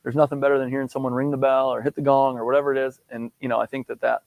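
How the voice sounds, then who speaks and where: A man's voice: mid-range voice, little pitch movement, rapid-fire, creaky, no room sound, narrow, tinny audio. A man chatting as a podcast guest, friendly and enthusiastic, laughing easily. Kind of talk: casual podcast interview.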